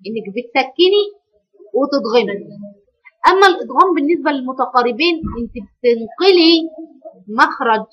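A woman with an Egyptian accent teaching a Quran recitation lesson, correcting her students and modeling phrases slowly and drawn out. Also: high voice, muffled recording. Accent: Egyptian Arabic. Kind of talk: online tajweed lesson.

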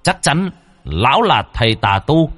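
A man's voice: medium pitch, very animated, measured pace, a bit bright, pitched above the performer's own voice. A man voicing a cat-headed ghost bailiff from the underworld, speaking formally and accusingly.

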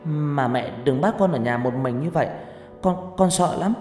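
A man's voice: a little high, darkish tone, echoey room, in a large hall, soft background music, voice pushed up, natural voice. A man voicing a frightened young boy who stammers and pleads his innocence. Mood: pleading, defensive. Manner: stammering, pleading, quick and defensive. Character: frightened defensive boy Nam.

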